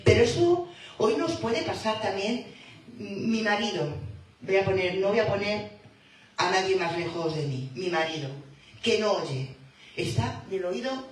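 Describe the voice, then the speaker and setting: Slow woman preaching in an echoey hall. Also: mid-range voice, recorded from a distance. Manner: slow, emphatic preaching that rises to fervent calls. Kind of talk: sermon. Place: church hall.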